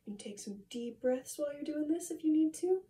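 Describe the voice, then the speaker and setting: A woman's voice: high voice, animated, fairly quick, dark tone. A young woman teaching children's exercise in an encouraging, sing-song kids show host manner, recorded indoors from a few steps away. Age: young adult. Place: small apartment room, indoors. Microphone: phone camera a few steps away. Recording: distant mic in a home room.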